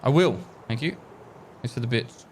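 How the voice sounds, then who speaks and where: Australian guy on a livestream headset mic, laid-back streamer voice, halting and easygoing. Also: mid-range voice, a little hiss or hum. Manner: relaxed, trailing off with hesitations while thanking viewers. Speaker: gaming streamer. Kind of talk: casual livestream chat while gaming.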